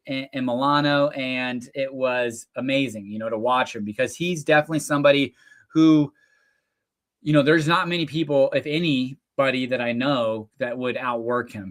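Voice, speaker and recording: A man's voice: medium pitch, a bit bright. A middle-aged man from Northern Colorado hosting a live local news and real estate show, talking in a rambling, casual way with lots of fillers and restarts. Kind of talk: casual live-stream monologue.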